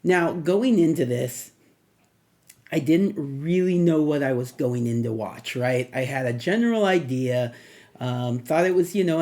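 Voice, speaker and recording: A middle-aged man talks through a movie review in a loose, casual way. He wanders and restarts his sentences, with plenty of fillers along the way. His voice is mellow and warm, at an ordinary pitch for a man. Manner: rambling, many fillers and restarts.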